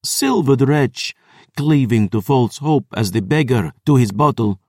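A man's voice: mid-range voice, measured pace, a little mellow, dry recording, studio quality, pitched above the performer's own voice. A man voicing an ancient, cruel female vampire who taunts in archaic, contemptuous speech. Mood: taunting.

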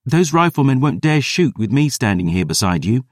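In an audiobook, a man voices a stubborn, defiant teenage girl, pitching his mid-range voice above his natural register. He sounds insistent, with big pitch swings at a moderate pace, recorded dry in a clean studio.

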